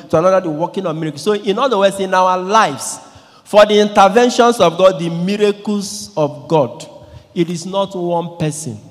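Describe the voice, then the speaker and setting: A man in his thirties with a Nigerian English accent, a priest preaching a lively sermon into a handheld microphone, acting out voices and swinging between loud and quiet. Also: high voice. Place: large church, indoors. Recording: long church reverb.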